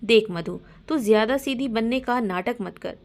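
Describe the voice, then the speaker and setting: A suspicious, jealous young woman with a fairly high voice, sharp and accusing in every line, as a woman storyteller puts her on. She sounds bitter and quick to blame in a storybook reading. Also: close to an everyday voice. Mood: angry.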